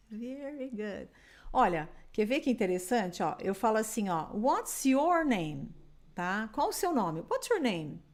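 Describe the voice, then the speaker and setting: Slow-paced Brazilian woman teaching English. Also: a little high, darkish tone. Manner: patient, drills words slowly for repetition. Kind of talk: online language lesson.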